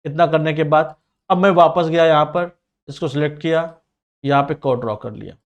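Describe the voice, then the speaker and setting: A man with a slightly high voice walks students through a ring design in CAD software, narrating each click and command as he goes. He explains plainly and directly to his learners, with a Mumbai Hindi accent. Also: dull audio. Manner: says he sometimes talks fast. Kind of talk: screen-recorded software tutorial.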